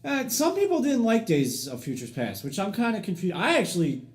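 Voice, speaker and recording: A man's voice: high voice, huge pitch swings, a little fast. A man co-hosting a podcast, chatting casually about movies and agreeing a lot. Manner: easygoing, frequent "yeah, yeah" agreement. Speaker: podcast co-host.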